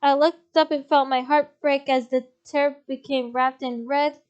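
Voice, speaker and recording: High-voiced young woman reading a game aloud. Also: a little slow, muffled recording. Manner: expressive reading, blunt swearing asides. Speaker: game streamer. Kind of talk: reading a visual novel aloud.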